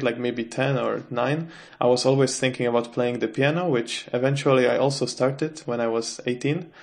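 A young man answers questions as a podcast guest. He speaks at a middle pitch and pauses often to think. He restarts his sentences as he goes. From Czech Republic. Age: 20s. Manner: thoughtful and hesitant, with restarts. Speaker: guest, adult cello student. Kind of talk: casual interview answers.

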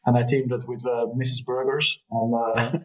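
A man with a Dutch accent, chatting casually as a podcast guest, halting with many restarts and frequent laughs. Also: mid-range voice, flat delivery. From Netherlands. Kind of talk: casual chat. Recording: muffled lo-fi audio, far from the mic.

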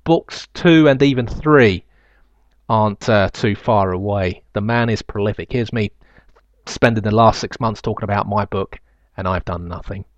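A man's voice: fairly low pitch, normal speed, dry recording, lo-fi sound. A man hosting a casual solo podcast, reading out listener emails with hesitant ums and uhs and dry self-mocking asides. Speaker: podcast host.

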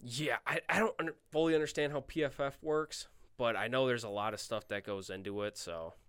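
A man co-hosting a sports podcast, giving quick, confident football breakdowns. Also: medium pitch, a bit bright, clear, resonant tone, no room sound, clean studio sound. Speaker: podcast co-host. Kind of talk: casual sports analysis.

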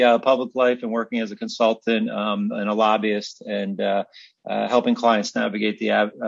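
A man's voice: medium pitch, gravelly, no echo, highs cut off. A man co-hosting a podcast in a casual, conversational style. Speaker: podcast co-host.

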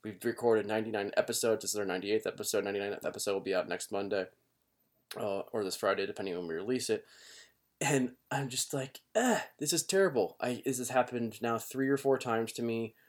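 A podcast host gives a casual, rueful and apologetic intro from his home basement. He talks fast in a lowish, flat voice.

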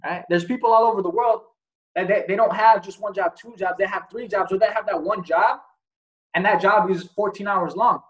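A man's voice: sits high, brisk, lo-fi sound. A man giving a casual motivational talk as host, blunt and profane, asking many rhetorical questions. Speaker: podcast host.

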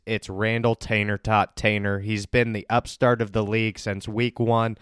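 A man's voice: on the low side, clean tone, no room sound. A man hosting a casual sports podcast, building hype with upbeat banter as he interviews league members. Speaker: podcast host and league commissioner.

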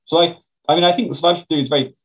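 A man's voice: a little high, steady tone, racing. Donnish British man, careful academic talk. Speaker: academic researcher, interview guest. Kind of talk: explanatory interview talk.

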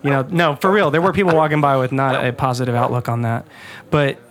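A young man from Texas, a podcast co-host, telling jokey, animated stories in casual chat. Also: mid-range voice, quick pace, crowd noise.

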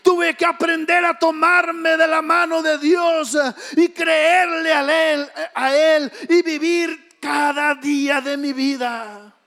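A man's voice: very high voice, fairly even intonation, slow, hardly any pauses, pushed and bright. A man giving an impassioned spoken testimony with a preaching delivery. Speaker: testimony speaker. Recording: long hall reverb.

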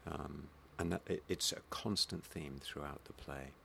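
A man with a Home Counties English accent talks in a very deep voice full of vocal fry. He is thoughtful and slightly hesitant, answering as an actor in an interview. Faint noise sits behind him. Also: fairly even intonation, a little slow, pushed and bright. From Hertfordshire, England. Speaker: stage actor being interviewed. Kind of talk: reflective interview conversation.

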